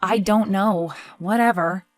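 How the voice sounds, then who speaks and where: A woman's voice: a little high, very animated, normal speed, bright, forceful tone, soft background music, full character voice. A woman playing a resigned adult daughter in a scripted story, agreeing reluctantly. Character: resigned adult daughter worried about her inheritance.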